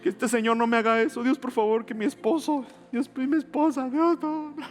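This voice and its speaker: A man mimicking a frantic person begging God in prayer, pleading and rushed. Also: level tone, long reverb tail, soft background music. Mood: whiny pleading. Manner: pleading, high-pitched, rushed.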